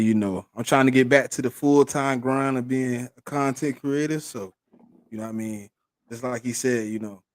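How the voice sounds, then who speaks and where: A man on a sports podcast panel, talking in a laid-back, drawn-out way that trails off. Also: mid-range voice, no room sound, clean studio sound. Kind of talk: casual sports chat.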